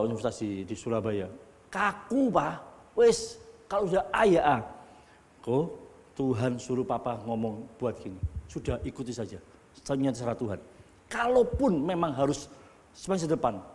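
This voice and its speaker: A middle-aged man preaching a sermon as a pastor, telling stories and building to loud exclamations. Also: fairly high pitch. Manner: storytelling, animated, climbing to loud exclamations. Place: church hall. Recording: long hall reverb.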